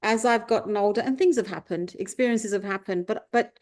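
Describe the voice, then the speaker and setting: With a mid-range, slightly mellow voice and a somewhat quick pace, an English life coach in her fifties reflects thoughtfully as a podcast guest. Punjabi is her first language, and she circles back with restarts.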